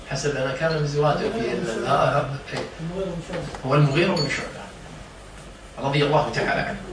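Teacher in an echoey room. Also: male voice, on the high side, fairly bright tone. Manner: questions the listeners and explains word meanings. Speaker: religious teacher. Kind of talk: informal lesson to a seated circle. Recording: echoey room, distant mic, faint noise.

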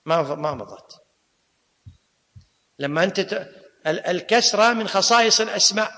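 A man lecturing on Islamic law and grammar speaks in a very high, pushed and bright voice, recorded amid the long reverb of a lecture hall. He quizzes the class and restates the important points.

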